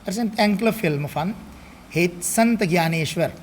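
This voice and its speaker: A swami leads a scripture study group in a high-pitched voice at normal speed, with a little hiss or hum in the recording. He explains the material, checks in with his listeners often, and slips Hindi and Sanskrit phrases into his talk.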